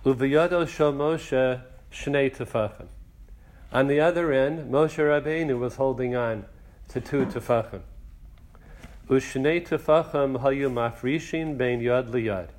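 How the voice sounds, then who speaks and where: A man's voice: medium pitch, measured pace, darkish tone. A man teaching a religious text class, translating phrases and counting lines aloud for his students.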